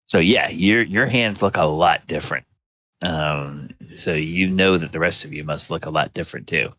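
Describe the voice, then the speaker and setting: A man casually narrating a tabletop game as game master, explaining things in a halting way. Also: extremely low pitch, fairly bright tone, lo-fi sound.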